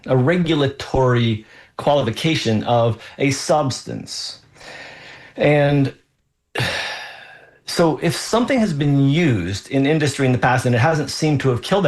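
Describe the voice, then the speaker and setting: Male doctor talking deliberately on health radio. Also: medium pitch. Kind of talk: unscripted health talk.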